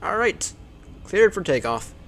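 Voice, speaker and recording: A man's voice: high voice, sing-song, unhurried, a bit bright, a little hiss or hum. A man playing an airline pilot in a flight simulator, giving clipped cockpit callouts and radio calls into a headset mic.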